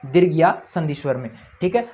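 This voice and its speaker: A man's voice: fairly high pitch, fairly quick, darkish tone, muffled recording. A man teaching a grammar lesson at a board. He keeps asking his own questions, answers them, and repeats each point.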